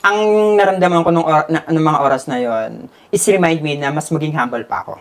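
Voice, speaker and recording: A man's voice: fairly high pitch, brisk. A man with a Filipino accent, a hair stylist and guest, telling his story in a casual interview and switching between Tagalog and English.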